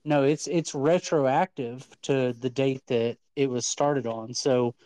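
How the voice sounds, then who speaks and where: A man's voice: mid-range voice, steady tone, slow, mellow, clear, resonant tone, no room sound, low-quality recording. A man co-hosting an online audio talk show, speaking in a casual, enthusiastic and persuasive way with frequent restarts. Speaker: co-host of a crypto talk show. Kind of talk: casual chat.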